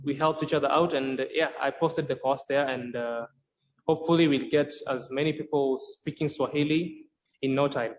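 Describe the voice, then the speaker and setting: Interviewed on a podcast, a Swahili instructor who built his own course explains his teaching at a normal speed, his medium-pitched voice holding a steady tone. He's earnest and keeps restarting sentences as he searches for words. The audio is dull and lo-fi, with a little faint noise.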